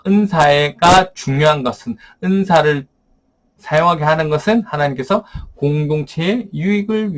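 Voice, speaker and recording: Korean pastor teaching Bible verses. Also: male voice, on the high side. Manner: explains verses with rhetorical questions and frequent "ne". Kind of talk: daily Bible study teaching.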